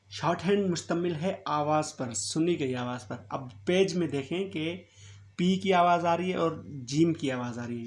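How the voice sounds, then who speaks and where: Man, shorthand teacher, patient and repetitive, checks understanding often, slightly high voice. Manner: patient, repetitive, checks "clear?" after each word. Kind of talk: step-by-step classroom instruction.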